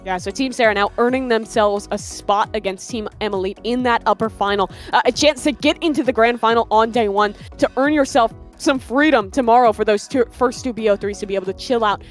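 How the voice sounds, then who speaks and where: High-pitched woman esports caster, emphatic. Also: fairly quick, hardly any pauses, faint music behind. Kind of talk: esports play-by-play and analysis commentary.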